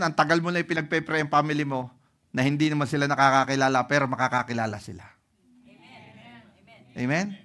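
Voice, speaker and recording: A man with a Filipino accent preaching a sermon as pastor, telling stories and often checking in with the congregation. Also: a little high. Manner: lively storytelling with frequent "ano?" and "no?" checks to the congregation.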